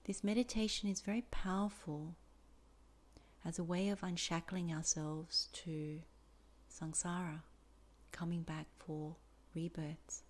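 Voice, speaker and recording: Her voice is lowish with little pitch movement as she teaches a guided meditation. The phrasing is soft and deliberate, broken by many pauses, with a breathy drop at the end of each phrase.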